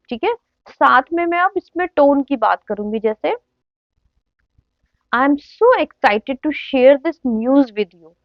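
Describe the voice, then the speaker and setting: A woman teacher giving a classroom lecture, mixing Hindi with slow, deliberate English phrases and often asking the students whether they follow. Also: high voice, no echo. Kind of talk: classroom lecture explaining communication skills. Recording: dull, dry, lo-fi lecture recording.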